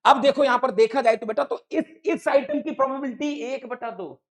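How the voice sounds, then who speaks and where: An online maths teacher explaining probability to exam students in a lively, playful lecture, talking to them as sir and dada. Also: female voice, sits high, normal speed.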